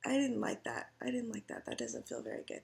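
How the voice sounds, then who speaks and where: Sitting on her living room couch at home, a middle-aged woman who vlogs about crafts talks casually into her computer webcam with a raspy, sore, scratchy throat. Her slightly high, darkish-toned voice is very animated and brisk, and the loose, rambling chatter is full of ums and throat clearing.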